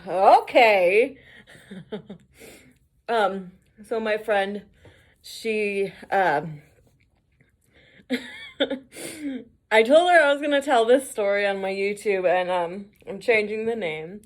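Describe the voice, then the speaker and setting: A woman's voice: medium pitch, slow, pauses often. A woman who works as a mail carrier, telling casual stories for her vlog, swearing, laughing often and acting out the voices of the people she quotes.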